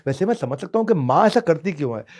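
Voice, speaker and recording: A male speaker lecturing parents from a seminar stage with a fairly high voice. His delivery is theatrical and full of flourishes. He drops in rhyming couplets and slides into English phrases. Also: sing-song, fast talker, a little mellow.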